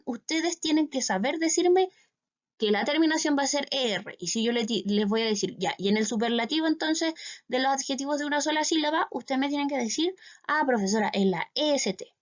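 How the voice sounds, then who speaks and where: Chilean woman teacher, high pitch, step-by-step, muffled lo-fi sound. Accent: Chilean Spanish. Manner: explains step by step, often asks "¿cierto?". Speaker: English teacher. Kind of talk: recorded class for schoolchildren.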